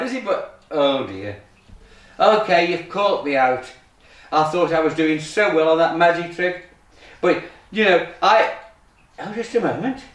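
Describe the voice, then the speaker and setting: Man, kids party magician, highly varied intonation, theatrical mock surprise, simple storytelling for children, echoey room, distant mic. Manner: exaggerated mock surprise and pantomime questioning of children. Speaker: children's show magician and host. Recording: roomy echo, distant microphone.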